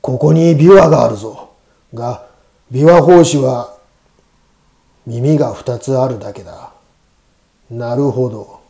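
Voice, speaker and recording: Man playing a gruff, menacing samurai ghost. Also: a little slow, long pauses, warm tone. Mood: grim resolve. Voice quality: gruff, booming voice. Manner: rough, commanding, archaic speech. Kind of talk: ghost story reading.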